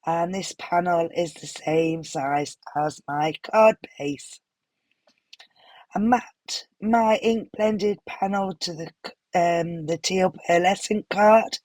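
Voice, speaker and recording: A woman with a hoarse, unwell voice, gently narrating a craft tutorial voiceover with some apologetic pauses. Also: lowish voice, no room sound. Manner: gentle, apologetic, stops for fillers. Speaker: card-making tutorial host.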